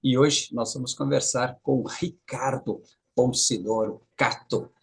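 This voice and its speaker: A man's voice: mid-range voice, fairly even intonation, slow, gravelly, slightly rough. A man hosting an interview for a magazine, asking welcoming, upbeat questions.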